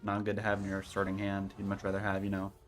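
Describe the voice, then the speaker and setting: A man giving casual, low-key gameplay commentary, thinking aloud as he plays. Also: monotone, fast talker. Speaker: streamer playing a card game. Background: faint game music.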